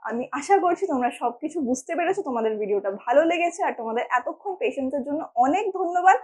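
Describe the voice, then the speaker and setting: Lively high-voiced woman teaching English. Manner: explains patiently, often checking in with the learners. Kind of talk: spoken English lesson for Bengali speakers.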